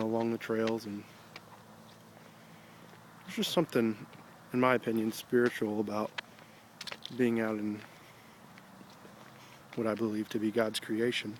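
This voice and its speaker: An American man talking casually with a pipe in his mouth, rambling in a halting, reflective, unhurried way. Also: on the low side. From Ohio, United States. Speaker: video blogger. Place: outdoors on an evening stroll. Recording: noticeable background noise, ambience.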